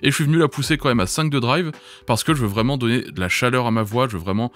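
A man teaching vocal mixing in a software tutorial, explaining each setting and checking in with the viewer. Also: medium pitch, fast. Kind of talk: screen-recorded software tutorial.

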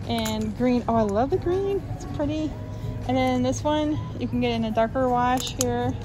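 Chatty woman shopping in a store. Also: a little high. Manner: chatty, upbeat, many fillers. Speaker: shopping vlogger. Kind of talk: casual shop-with-me narration. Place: large retail clothing store.

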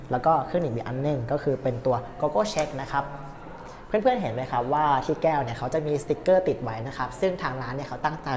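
A man's voice: mid-range voice, darkish tone, slight background noise. Upbeat young man hosting a cafe tour. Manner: upbeat, polite tour-guide chatter. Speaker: host. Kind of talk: casual cafe tour vlog. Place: indoor cafe in an old shophouse. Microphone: clip-on lapel mic.

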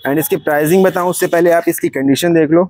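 Chatty high-voiced young man touring cars. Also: fairly even intonation, quick pace, a little mellow, no echo. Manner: chatty, keeps calling the viewer brother, mixes English words into Hindi. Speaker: vlogger touring a used car market. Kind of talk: casual walkaround commentary. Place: outdoor used car lot.

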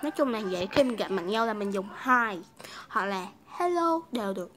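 A woman's voice: medium pitch, expressive, moderate pace, a bit bright. A woman from Vietnam hosting a casual English lesson, chatty and repeating phrases for learners. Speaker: English teacher, video host.

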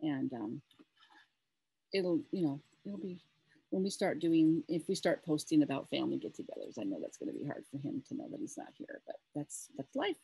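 A woman's voice: low voice, animated, normal speed, vocal fry, warm tone, breathy edge. A middle-aged woman co-hosting a casual chat, telling a rambling, emotional story with many restarts. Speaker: co-host.

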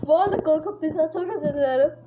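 Really high-voiced woman freaking out over a horror game, panicky chatter, muffled hissy mic. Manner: jumpy, panicky, exclaiming. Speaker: gamer. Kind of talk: casual let's-play commentary. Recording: dull lo-fi mic with clear hiss.

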